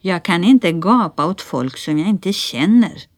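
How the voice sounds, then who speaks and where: A woman's voice: fairly low pitch, animated, dry recording, studio quality, lightly acted. A woman reading a storybook aloud, voicing a stubborn little girl with a smug, defiant way of talking.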